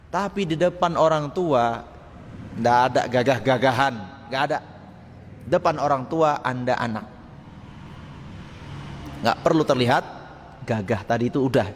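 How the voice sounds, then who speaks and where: A man teaching a mosque study circle. He talks in a lively way, acts out short quoted lines and chuckles often. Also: on the high side. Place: mosque hall. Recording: long hall reverb with faint noise.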